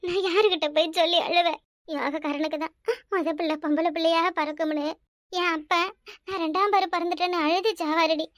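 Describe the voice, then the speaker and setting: A woman's voice: fairly even intonation, no echo, clean studio sound. A woman voicing a harsh, worn-out village mother in a cartoon, with a Kanyakumari Tamil accent and a scolding, threatening way of talking. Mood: lamenting. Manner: shrill scolding, threatening, rapid-fire. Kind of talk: cartoon voice acting.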